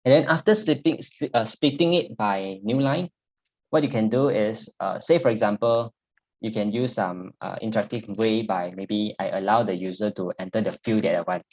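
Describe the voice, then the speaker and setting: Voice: mid-range voice, normal speed, a little mellow, lo-fi sound. An instructor with a Singaporean or Malaysian accent explains technical steps informally in Singlish, often ending phrases with "lah". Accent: Singaporean or Malaysian English. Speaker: programming instructor.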